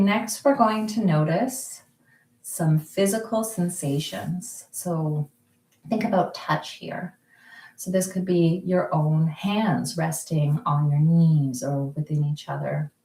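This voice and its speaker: A mindfulness group leader with a lowish, mellow voice gently guides listeners through an exercise. She speaks slowly, softly and calmly, pausing often, and her home kitchen gives the recording a noticeable echo.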